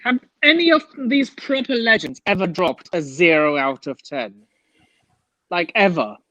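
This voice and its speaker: A man's voice: sits high, expressive, a little slow, sharp tone, no room sound, rough recording. A man in his twenties on a football podcast panel, making emphatic points. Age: 20s. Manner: emphatic, drawn out. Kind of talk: casual football chat.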